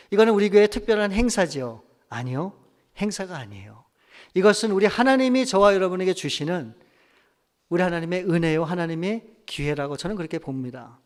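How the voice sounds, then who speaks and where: A man preaching a sermon as pastor, emphatic and full of rhetorical questions to the congregation. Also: sits high. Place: church sanctuary. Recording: long church hall reverb.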